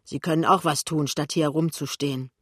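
A man's voice: a little high, fairly even intonation, a little fast, slightly rough, dry recording, studio quality. A man voicing a nervous young male salesclerk who speaks curtly and in anger. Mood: furious. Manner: curt, angry.

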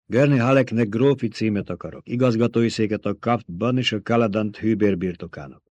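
Brief: man reading a young desert ruler, low-voiced, measured, commanding, dry close read. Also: no echo, lightly acted. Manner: measured, calmly dictating terms. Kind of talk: audiobook reading.

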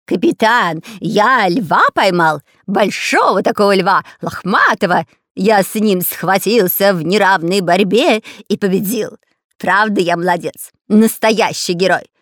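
A woman's voice: medium pitch, measured pace, fairly bright tone, dry recording, clean studio sound, natural voice. A woman reading a storybook aloud and voicing a cowardly, whining male pirate spy who panics and stammers. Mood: boastful. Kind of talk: audiobook character voice.

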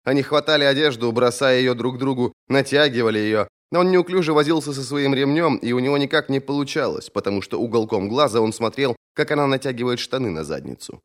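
A man narrating an audiobook with expressive, dramatic delivery. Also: medium pitch, fast talker, few pauses.

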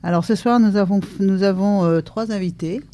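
A radio show host introducing a live broadcast and its guests from a studio, talking hesitantly with many filler pauses. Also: medium pitch, mellow.

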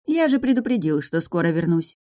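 A woman's voice: on the low side, very animated, fairly quick, warm tone, dry recording. A woman voicing a small sardonic male dragon familiar who teases and lectures. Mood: teasing. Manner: teasing, dry, lecturing. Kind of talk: audiobook narration.

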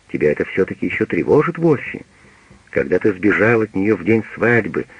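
A man's voice: mid-range voice, breathy edge, no room sound. A man voicing an old, embittered female servant who speaks bluntly and accusingly, on a dull radio recording. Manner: accusing, bitter.

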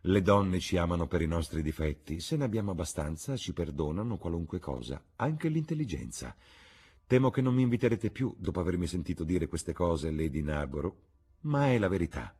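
A witty, cynical aristocrat, played by a man with a low, husky voice. He drawls ironic remarks with lazy assurance, rising and falling freely. It sounds like a classic novel read aloud. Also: very animated, fairly quick, a little mellow, heavily acted.

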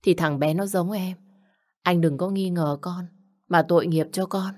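A woman's voice: lowish voice, steady tone, unhurried, a little mellow, close to an everyday voice. Woman voicing a frightened, pleading young wife. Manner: pleading, apologetic.

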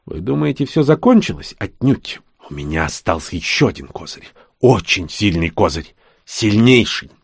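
A man's voice: fairly low pitch, sing-song, moderate pace, creaky, slightly rough, no room sound, clean studio sound, full character voice. Man voicing a bitter, vengeful young man. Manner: muttering, resentful.

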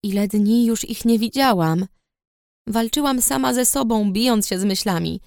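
Female audiobook narrator, first person; even, reflective delivery; dry, close studio sound. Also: on the high side, moderate pace, gravelly, dry recording.

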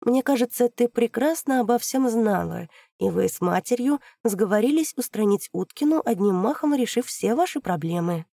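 A woman reading an audiobook, voicing a fearless female investigator who argues in a calm, methodical way. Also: on the high side, normal speed, creaky, hardly any pauses, dry recording, studio quality, pitched above the performer's own voice. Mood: pressing.

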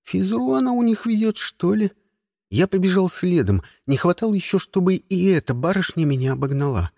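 Wry man narrating lively in first person. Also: high-pitched, fairly quick, vocal fry, no echo, studio quality. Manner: wry, sardonic storytelling. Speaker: audiobook narrator.

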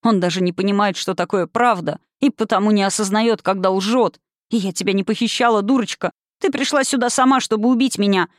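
A woman's voice: mid-range voice, a little fast, no echo, studio quality, natural voice. A woman reading an audiobook, voicing an accusing, menacing witch who snarls and hisses. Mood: bitter, brooding. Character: bitter, menacing witch, woman, middle-aged.

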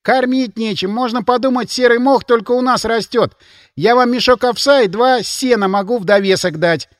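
A man putting on a high whiny village lad. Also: moderate pace, no room sound, clean studio sound. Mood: pushy haggling. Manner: whiny, pushy bargaining. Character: cheeky young village lad haggling.

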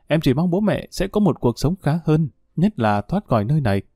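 A man voicing a weary, bitter young woman in a read-aloud story, with a dark, soft voice. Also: a little high, big pitch swings, a little fast, slightly rough, no room sound, studio quality, voice pushed up, heavily acted.

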